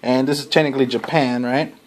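A man reviewing a comic book in a loose, rambling way, cursing freely and laughing between thoughts. His voice sits at an ordinary middle pitch and jumps up now and then when he gets excited. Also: fast. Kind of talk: casual spoken review.

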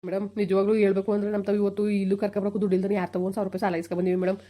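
A woman's voice: mid-range voice, completely flat delivery, warm tone, lightly acted. A woman playing a poor, worried village father. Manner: rapid pleading to the doctor, gruff with wife. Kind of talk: amateur village skit acting.

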